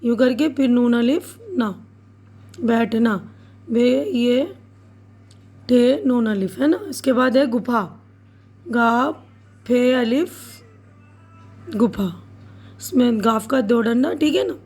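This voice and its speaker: A woman with a high voice teaches slowly and patiently, spelling every word out letter by letter. She keeps checking in with short confirmations as she guides young pupils through a workbook page. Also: darkish tone, breathy edge. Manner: checks in with "theek hai" often. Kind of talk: step-by-step writing lesson.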